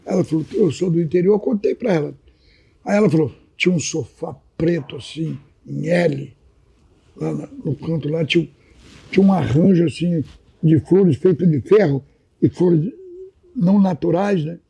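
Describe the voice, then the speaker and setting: Very raspy, gravelly old man. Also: a little high, normal speed. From Minas Gerais, Brazil. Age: 80s. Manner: animated anecdotal storytelling, repeatedly addressing the host by name. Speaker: podcast guest. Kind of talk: casual storytelling chat.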